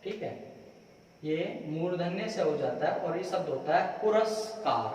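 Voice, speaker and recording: A high-voiced man teaching a class, saying words again and again slowly and firing questions at the students. His voice sits back from the mic in a boomy room with a long reverb tail. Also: lively intonation, a little mellow. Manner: drills spellings by repeating words slowly, quizzing the class. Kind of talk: classroom lecture. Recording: echoey room, voice from far off.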